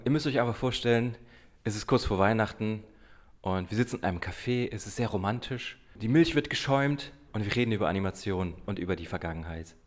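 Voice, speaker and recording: A man's voice: fairly low pitch, quick pace. A man hosting a casual interview in a café, chatty and enthusiastic, often tagging "ne?". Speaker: podcast host, interviewer. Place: small café indoors.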